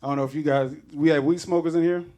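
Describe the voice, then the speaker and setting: A man's voice: on the high side, fairly even intonation, quick pace, warm tone. A man doing a loose, rambling stand-up comedy set on a club stage, acting out other people's voices. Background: audience laughter.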